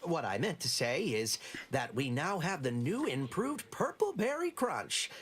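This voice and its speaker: Eager novice game shopkeeper, nervous man, extremely animated intonation, awkward salesman manner, faint ambience. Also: fairly high pitch, unhurried, slight background noise. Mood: forced salesman cheer. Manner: stumbling sales patter, awkwardly chipper. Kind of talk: video game character dialogue.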